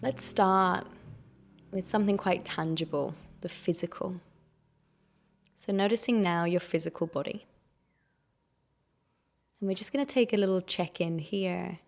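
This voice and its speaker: A woman guiding a meditation, her voice sitting a little low with a gravelly fry at the edges. She speaks slowly and gently, leaving long pauses between soothing prompts. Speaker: meditation guide. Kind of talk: guided meditation.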